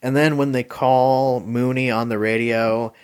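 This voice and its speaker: A man's voice: medium pitch, steady tone, a little slow, clear, resonant tone. A man hosting a casual podcast movie review, rambling and hesitant with lots of ums and likes, chuckling now and then.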